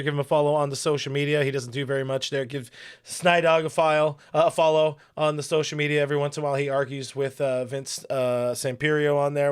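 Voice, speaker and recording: A man's voice: a little high, smooth. A man hosting a sports podcast, chatting loosely and joking through his sign-off. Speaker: podcast host. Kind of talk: casual chat.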